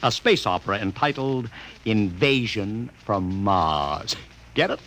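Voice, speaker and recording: A brash American publicity schemer from mid-century radio drama. His patter is slangy and breezy, with a very lively melody. The old broadcast recording carries some faint noise. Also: lowish voice, unhurried. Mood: smug, expansive.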